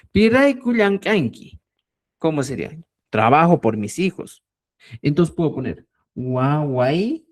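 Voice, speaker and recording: A man teaching a live online Quechua lesson, drilling phrases and checking in often. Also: a little high. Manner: animated, drills phrases and keeps asking "¿ya?".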